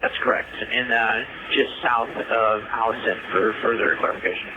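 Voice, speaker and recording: A man's voice comes through a police radio, squeezed thin like a phone line and riding on a clear hiss of static. He talks at a medium pitch, steady and explanatory, pausing on small hesitations as he lays out directions. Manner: steady, explanatory, with frequent "uh" fillers. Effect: police radio transmission. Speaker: police officer. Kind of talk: radio traffic giving directions. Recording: tinny scanner radio with static.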